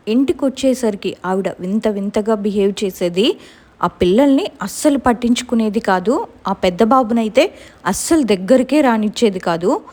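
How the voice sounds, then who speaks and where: A young woman tells a true ghost story from her own life in a relaxed, chatty way. She drops English words into her sentences. Her voice sits at an ordinary pitch for a woman, and her delivery stays plain and unhurried. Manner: conversational, mixes English words into her speech. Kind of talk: casual first-person horror story.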